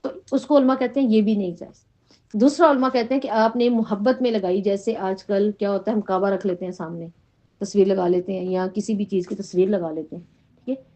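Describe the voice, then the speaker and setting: A woman's voice: medium pitch, fairly even intonation, dark tone. A middle-aged woman teaching a Quran lesson to a class, often asking questions and checking in with "right?". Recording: dull lo-fi recording.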